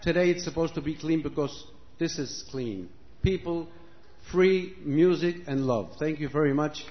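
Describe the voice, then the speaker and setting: Speaking at an ordinary pace in a slightly high voice, an Argentine musician chats loosely with a concert audience from an outdoor stage, trading jokes and languages as he introduces his songs. The live recording, audience included, sounds muffled.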